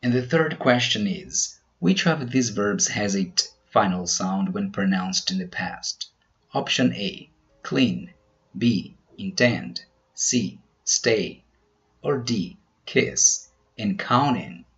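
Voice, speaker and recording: A man teaching pronunciation in a scripted quiz, slowly over-articulating each example word. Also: fairly low pitch, a bit bright, muffled recording. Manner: slow, careful, over-articulated delivery of example words.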